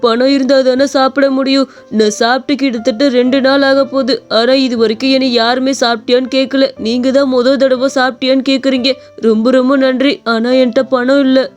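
A woman's voice: sits high, little pitch movement, brisk, faint music behind, natural voice. A woman voicing a poor, hungry young boy who speaks in a pleading, grateful, tearful way.

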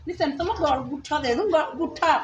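A woman's voice: high voice, lively intonation, fast talker, dull audio, slight background noise, pitched above the performer's own voice. Woman playing a spiteful, scheming stepmother. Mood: scolding. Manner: taunting, scolding, wailing "haye haye". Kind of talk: Punjabi village skit acting.

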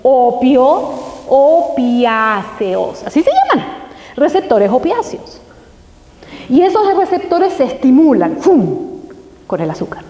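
A woman giving a live health talk to an audience, asking it many quick questions. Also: high voice, huge pitch swings, mellow. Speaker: health speaker. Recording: echoey hall.

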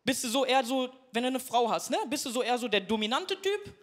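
High-voiced self-mocking stand-up comedian. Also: male voice, animated, quick pace, a bit bright. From Duisburg, Germany. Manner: rambling, self-mocking, chatting with the audience. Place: stage before a live audience. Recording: live show with audience and noise.

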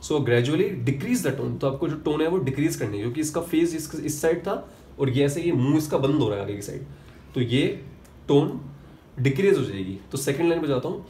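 A man's voice: a little high, lively intonation, moderate pace, warm tone, slight background noise. A young man from India, teaching piano, counting beats aloud and explaining step by step, mixing terms into his talk. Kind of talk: spoken piano lesson. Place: room with a piano. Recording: echoey room with piano playing.

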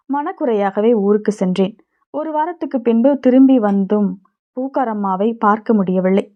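Woman reading a story aloud, steady and measured, kinda muffled recording. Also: mid-range voice. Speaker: audiobook narrator. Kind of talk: scripted story narration. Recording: dull lo-fi recording.

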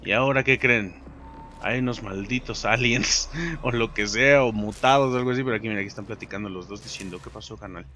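A young man with a Mexican accent commenting on his own gameplay, excitable, swearing and yelping when startled. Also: mid-range voice, a little fast, slight background noise. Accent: Mexican Spanish. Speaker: gaming commentator. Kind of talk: let's play commentary.

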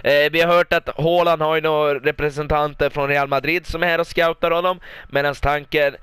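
A young Swedish man doing lively mock football commentary over a video game, often breaking into excited shouts and repeated goal calls. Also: fairly high pitch, smooth, dry recording. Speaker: gaming YouTuber commentating his own match.

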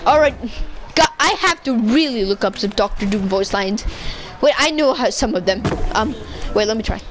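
A woman giving casual, chatty commentary over her gameplay, excitable and constantly correcting herself mid-sentence. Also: fairly high pitch, normal speed, poor audio. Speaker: gaming video creator.

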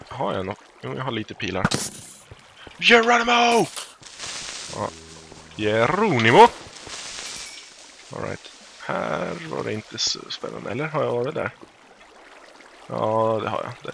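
A man's voice: fairly low pitch, sing-song, gravelly, long pauses, pushed and bright, a little hiss or hum. A Swedish man giving playful, casual commentary while playing a video game, often singing made-up lines and exclaiming. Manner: playful, improvises silly songs and exclamations. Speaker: let's play gamer.

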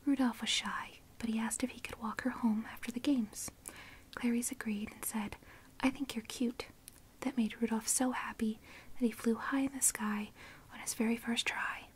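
Softly whispering woman reading a story. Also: on the high side, breathy edge. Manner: soft unvoiced whisper throughout. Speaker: reader.

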